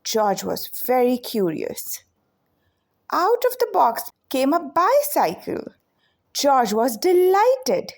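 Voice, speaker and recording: Reading a children's picture book, a high-voiced woman narrates with deliberate, expressive storytelling.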